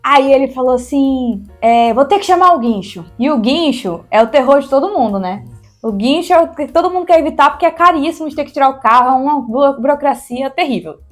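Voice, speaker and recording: Young Brazilian woman, high bright voice, chatty storyteller with a Brazilian Portuguese accent, faint music underneath. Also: a little fast. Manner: animated, chatty, addresses listeners as "gente". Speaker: YouTuber guest. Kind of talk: casual storytelling interview.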